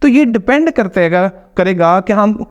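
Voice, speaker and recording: A man teaching English pronunciation, explaining step by step and slowly demonstrating which words to stress. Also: high voice, expressive, muffled recording. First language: Hindi or Urdu. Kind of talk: pronunciation lesson.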